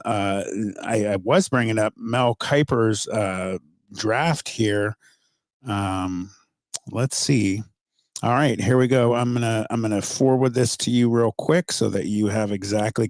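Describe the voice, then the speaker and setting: A man hosting a casual sports talk show, talking at a middle pitch. He rambles and stalls with lots of fillers, and the sound is close and dry. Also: dry recording. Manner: rambling, halting with many fillers.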